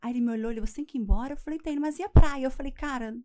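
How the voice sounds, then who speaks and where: Fast, high-voiced woman storyteller. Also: mellow. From Rio de Janeiro, Brazil. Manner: acts out quoted voices, laughs through the telling. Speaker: weight-loss coach guest. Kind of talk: animated storytelling in casual chat.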